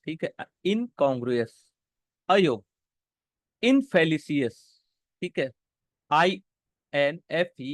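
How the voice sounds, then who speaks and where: A man gives a classroom vocabulary lesson at an unhurried pace, in a slightly raised voice. He spells each word out letter by letter and keeps checking in with the class before moving on. The recording is dry, with no room echo. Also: fairly high pitch, a bit bright. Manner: spells words letter by letter, repeats "theek hai" often. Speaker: English teacher.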